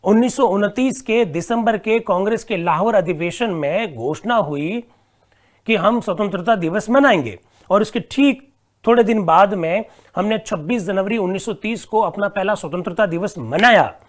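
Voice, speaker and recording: High-voiced animated male exam coach. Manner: reads viewers' comments aloud and answers them; animated, addresses students as "saathiyon", repeats points slowly. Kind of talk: live online exam-prep class.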